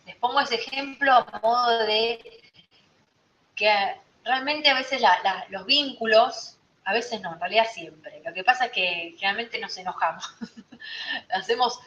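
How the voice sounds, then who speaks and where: Bright-voiced Rioplatense woman teaching. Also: on the high side, measured pace. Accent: Rioplatense Spanish. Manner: conversational, checks in with listeners often. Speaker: astrology teacher. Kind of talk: informal teaching talk to a group. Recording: roomy, slightly dull recording.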